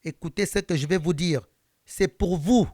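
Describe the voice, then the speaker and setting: A man's voice: sits high, normal speed, darkish tone, no echo, studio quality. A man quoting an anonymous woman caller who pleads with him insistently at night. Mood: pleading.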